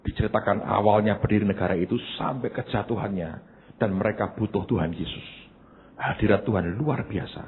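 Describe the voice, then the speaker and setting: A man's voice: fairly low pitch, brisk. A middle-aged man with a Javanese accent preaching a sermon as a pastor, telling stories with emphatic asides to his congregation. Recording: echoey hall, narrow phone-like sound, faint hiss.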